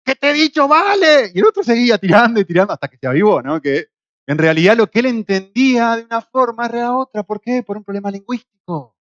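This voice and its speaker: Middle-aged Argentine-accented male teacher, fairly high voice, dry and slightly muffled lecture sound. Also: fast, no room sound. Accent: Argentine Spanish. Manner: lively, acts out quoted voices with shouts and jokes. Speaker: Bible course teacher. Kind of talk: classroom lecture. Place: classroom in Spain.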